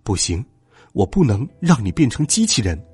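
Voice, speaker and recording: A man voicing a cold, stern schoolkid who may be a robot, in an icy, flat manner, in a storybook reading. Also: mid-range voice, moderate pace, breathy edge, faint music behind, pitched below the performer's own voice.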